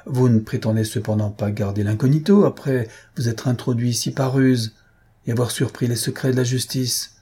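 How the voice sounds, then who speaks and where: Brief: male narrator doing a curt, distrustful magistrate, husky and mellow, clipped questioning. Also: mid-range voice, steady tone, moderate pace, natural voice. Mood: stern. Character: stern middle-aged male investigating judge. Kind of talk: audiobook character reading.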